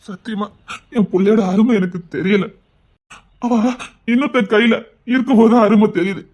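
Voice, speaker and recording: A man's voice: sits high, moderate pace, a little mellow. A heartbroken father. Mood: regretful. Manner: heartfelt, pleading confession to a friend. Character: heartbroken father whose daughter prefers another man. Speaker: father in a TV serial. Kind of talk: TV serial drama acting.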